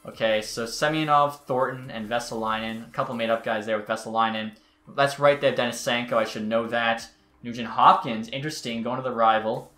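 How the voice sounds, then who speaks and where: A man's voice: medium pitch, steady tone, fairly quick, sharp tone, soft background music. A man giving casual gameplay commentary as a YouTuber, chatty with exasperated outbursts. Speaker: gaming YouTuber. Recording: roomy echo.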